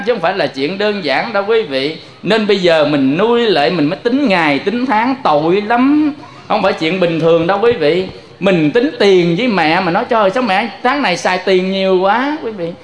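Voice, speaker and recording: A man preaching a Buddhist sermon. His voice sits high for a man. He tells vivid stories and keeps calling out questions to his audience. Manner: lively storytelling, addressing listeners directly.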